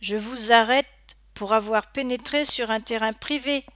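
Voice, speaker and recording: A woman's voice: fairly high pitch, a little slow, bright, forceful tone, no echo, clean studio sound. A woman voicing a cheeky young boy who plays at being a police officer, with a mock-official, teasing manner, in a read-aloud children's story. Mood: mock-stern.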